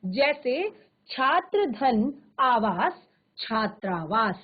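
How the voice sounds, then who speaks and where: A woman teacher with a high voice leads a grammar lesson at an unhurried, drawn-out pace. She repeats each point and answers her own questions. The sound is thin and narrow, like a phone line. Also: breathy edge. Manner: slow, repetitive, asks questions then answers them herself. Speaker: Hindi teacher. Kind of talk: virtual classroom grammar lesson. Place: studio for broadcast classes.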